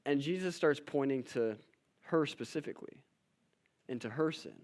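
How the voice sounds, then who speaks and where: A man's voice: mid-range voice, moderate pace, darkish tone. A young male pastor giving a sermon in a casual, humorous storytelling manner.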